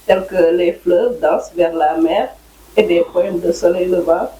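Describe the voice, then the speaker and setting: A man's voice: high voice, steady tone, a little slow, mellow, reverberant, a little hiss or hum, rough recording. A man hosting an online interview who speaks formally, listing book titles and dates before asking his questions. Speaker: interview host.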